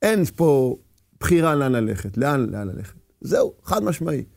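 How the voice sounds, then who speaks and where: A man's voice: medium pitch, big pitch swings, gravelly, darkish tone, dry recording. A man giving a Torah lecture with passion, firing rhetorical questions and acting out inner voices. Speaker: religious teacher.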